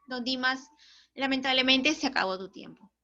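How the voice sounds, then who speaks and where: Woman literature teacher, animated storyteller, bright tone, muffled lo-fi audio. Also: high voice, normal speed. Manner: animated, tags questions to students. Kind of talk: storytelling lesson. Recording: dull lo-fi recording.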